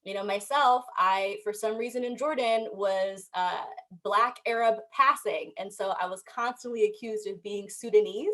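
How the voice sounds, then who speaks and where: A young woman from the United States, speaking as a panelist and telling her story in an animated, emphatic way. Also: medium pitch, normal speed, few pauses. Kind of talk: panel discussion.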